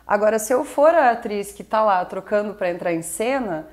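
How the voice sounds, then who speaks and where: A woman's voice: medium pitch, expressive, moderate pace. Chatty Brazilian woman. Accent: Brazilian Portuguese. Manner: chatty, frequent fillers and tag questions. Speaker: guest, musical theatre performer. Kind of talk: casual interview chat.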